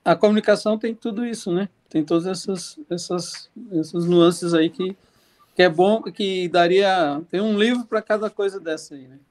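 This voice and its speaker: His voice sits high and a little mellow as this podcast co-host talks at normal speed. The chat is casual and rambling, full of fillers and restarts.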